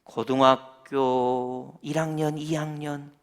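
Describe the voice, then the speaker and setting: A middle-aged man preaching a sermon from the pulpit, his voice sitting a little high for a man. He acts out bits of dialogue and keeps turning to the congregation with questions. It is a Sunday service in a church sanctuary. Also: flat delivery, slow. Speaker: senior pastor.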